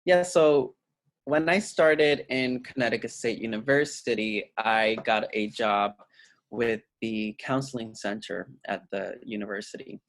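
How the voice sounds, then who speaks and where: A middle-aged man from Puerto Rico, an educator guest talking casually in an interview, pausing often with fillers and restarts. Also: fairly low pitch, dry recording. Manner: hesitant, many fillers and restarts.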